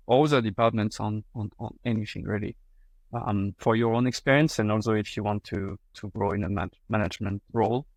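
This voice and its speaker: There's no room sound around this fairly low-pitched voice of a Frenchman in his thirties, a guest on a podcast interview. He speaks with a French accent, hesitantly, with many fillers and restarts.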